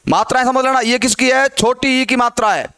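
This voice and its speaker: A man's voice: very high-pitched, steady tone, a little fast, bright, forceful tone, clean tone. A man teaching a Hindi grammar lesson, who asks the class questions and answers them himself.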